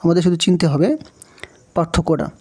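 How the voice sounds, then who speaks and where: A man with a Bangladeshi Bengali accent who teaches Quran reading, slowly naming letters one by one and repeating them patiently. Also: on the high side, fairly even intonation, dark tone, slightly rough.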